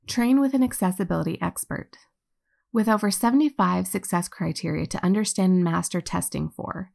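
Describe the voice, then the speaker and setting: A woman narrates from a script in a measured, informative way. Her voice sits a little low and carries a gravelly vocal fry. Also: darkish tone. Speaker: company narrator.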